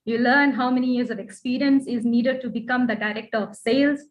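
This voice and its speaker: A woman's voice: a little high, steady tone, fairly quick. A woman with a Fijian accent giving a prepared presentation as a guest speaker, earnest and advisory. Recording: dull online call audio.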